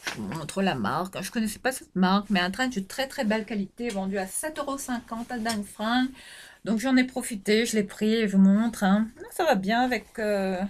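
A woman's voice: mid-range voice, lively intonation, normal speed. A middle-aged woman from France in a casual haul vlog, rambling with lots of fillers and restarts as she shows her finds to the camera at home. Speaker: fashion vlogger.

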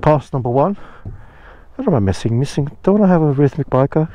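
Standing outdoors next to a roadside phone box, a man talks a little fast in a fairly high, lively voice, rambling and joking at his own expense in a casual vlog to camera. He's a motorcycle vlogger, recorded on a head-mounted action camera, and the sound is dry and muffled.

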